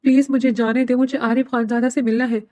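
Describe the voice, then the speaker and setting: A woman's voice: a little high, little pitch movement, a little mellow, no room sound, natural voice. A woman voicing a frightened young woman who pleads through tears. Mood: tearful. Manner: tearful pleading.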